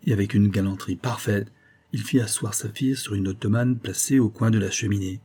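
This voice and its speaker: Mellow, husky male audiobook narrator. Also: lowish voice, steady tone. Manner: measured literary reading. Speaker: audiobook reader. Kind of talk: scripted narration.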